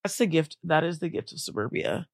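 A woman's voice: deep voice, big pitch swings, brisk, creaky, no echo, clean studio sound. A woman chatting casually as a podcast guest, blunt and emphatic, with playful swearing. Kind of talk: casual chat.

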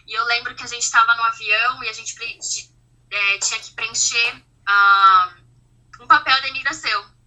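Bright, high-voiced Brazilian woman storyteller. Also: normal speed, poor audio. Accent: Brazilian Portuguese. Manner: animated storyteller acting out dialogue. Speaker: guest. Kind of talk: casual chat.

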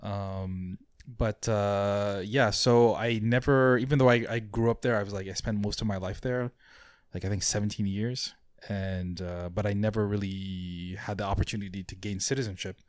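A man's voice: lowish voice, steady tone, normal speed, dry recording, clean studio sound. A young man from Mauritius, raised in Saudi Arabia, chatting as an interview guest, with lots of fillers and restarts. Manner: hesitant, many fillers and restarts, chuckles easily. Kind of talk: casual interview chat.

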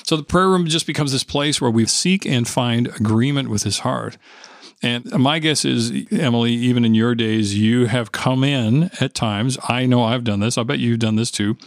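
A man's voice: mid-range voice, normal speed, no room sound, studio quality. A man who leads a house of prayer, talking earnestly with a co-host and telling a personal faith story, sometimes acting out what went through his head. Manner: earnest storyteller, acts out his own inner voice. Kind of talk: conversational faith talk with a co-host.

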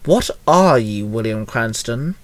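A man voicing a sharp-tongued, stern female cosmic being in a fan fiction reading. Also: mid-range voice, animated, slow, dry recording, voice pushed down. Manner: stern, growling. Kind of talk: fan fiction read aloud.

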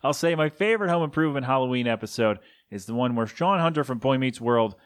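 A man's voice: mid-range voice, expressive, fast talker. Rambling, chuckling male podcast host. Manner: rambling, chuckling asides, frequent ums and uhs. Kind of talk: casual solo podcast monologue.

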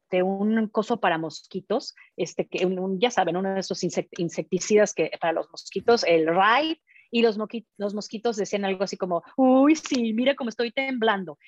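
A woman therapist talks through couple communication at a mid pitch, stopping and restarting often and filling her pauses. The sound is dull and muffled. The room is dry and close. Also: no room sound. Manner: hesitant, many fillers and restarts, acts out examples. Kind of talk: live talk on couple communication.

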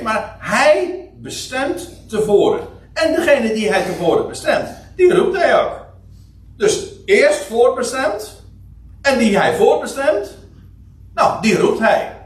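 A man preaching a Bible teaching sermon, repeating phrases for emphasis and rising in pitch on key points. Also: a little hiss or hum. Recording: echoey room, speaker far from the mic.

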